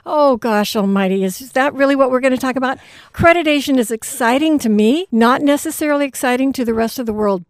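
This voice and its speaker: Upbeat, chatty woman in her sixties, higher-pitched. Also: no echo. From Wyoming, USA. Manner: upbeat and chatty, frequent "uh" fillers. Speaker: retiring university administrator, guest. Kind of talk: casual radio interview.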